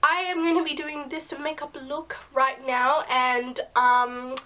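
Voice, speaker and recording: A woman's voice: high voice, little pitch movement, slow pace, pushed and bright. A young woman chatting casually to camera as a beauty vlogger, with a cold and her voice going, filling gaps with ums and likes. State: has a cold, losing her voice.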